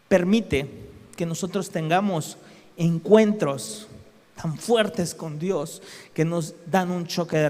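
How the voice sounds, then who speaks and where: A high-pitched male preacher delivers a sermon. He keeps it conversational and asks the congregation questions as he goes. His voice carries a long, echoing reverb from the hall.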